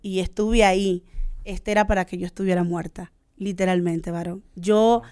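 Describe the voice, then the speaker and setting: A Honduran woman in her thirties with a Honduran Spanish accent, telling her faith testimony as a guest in an earnest way, often pausing with "este". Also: fairly low pitch, steady tone, darkish tone, clear, resonant tone, no echo, studio quality. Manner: earnest, searching for words with many "este" fillers. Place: studio.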